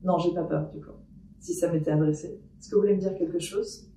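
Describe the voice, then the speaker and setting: A woman recording a paranormal experiment vlog at home, talking her thoughts aloud in a hesitant way with many pauses and restarts. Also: lowish voice, fairly even intonation, warm tone, recorded from a distance, a little hiss or hum. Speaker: paranormal investigator. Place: room in her house. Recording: echoey room, voice off-mic.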